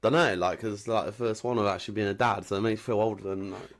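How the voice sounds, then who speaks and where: A young man from Wiltshire with a southern English accent and a fairly low voice. He co-hosts in loose, casual banter, full of slang and swearing, and keeps things jokey. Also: steady tone, fast. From Wiltshire, England. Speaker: podcast co-host.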